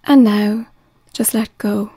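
A woman reading a guided relaxation script in a slow, soothing voice that often drops to a whisper. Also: medium pitch, fairly even intonation, warm tone, slightly rough, no echo.

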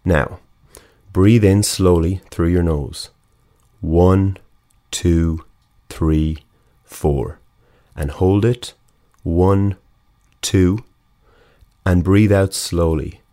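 A man leading a guided breathing exercise, talking in a slow, calm, measured way and counting breaths aloud. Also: low voice. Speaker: breathing instructor.

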